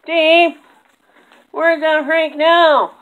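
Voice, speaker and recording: Squeaky, excitable ventriloquist dummy played by a man, high and indignant, for puppet comedy. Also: very slow, phone-quality sound, slight background noise, exaggerated voice. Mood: nosy, insistent.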